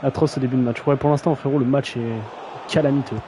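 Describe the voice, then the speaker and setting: A man's voice: mid-range voice, fairly even intonation, brisk, background noise. A young man casually commentating a video game match on a live stream, slangy and self-mocking, often stumbling over player names.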